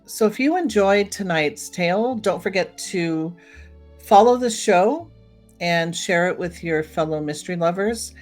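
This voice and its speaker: A woman's lowish, slightly mellow voice carries lively intonation at an unhurried pace as she hosts a chatty solo podcast. She speaks directly to listeners about old time radio while soft music plays.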